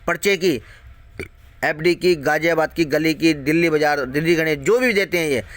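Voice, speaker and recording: A man's voice: on the high side, fairly bright tone, no echo. A man delivering a heated, profane rant straight at viewers, repeating his points and firing off rhetorical questions. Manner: heated, repetitive, heavily profane. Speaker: video host warning viewers. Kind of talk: angry ranting monologue to viewers.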